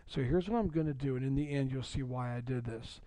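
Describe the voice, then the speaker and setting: Male math teacher for a video lesson, dark mellow tone, dry close recording, patient and repetitive. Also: medium pitch, a little fast, dry recording. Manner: patient, repeats key points, checks in with "okay?".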